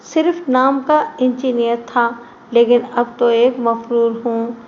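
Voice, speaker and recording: Bitter young fugitive man read by a woman, weary delivery, high voice. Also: steady tone, slow pace, a little mellow, dull audio, slight background noise. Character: wounded, bitter young male engineer on the run.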